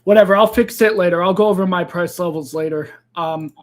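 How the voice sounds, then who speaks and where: A man's voice: sits high, brisk. A man hosting a crypto live trading stream, talking loosely and chatting straight to his viewers. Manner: chatty, loose, addresses viewers as guys and fam. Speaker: crypto livestream host.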